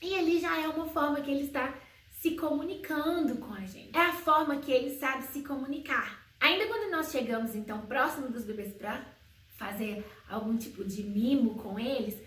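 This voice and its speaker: High-pitched woman teaching in a roomy echo. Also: a bit bright. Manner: explains slowly, asks and answers her own questions; sings baby words in a high sing-song voice. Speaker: homeschooling educator. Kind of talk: educational video talk to parents. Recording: roomy echo, slightly far from mic.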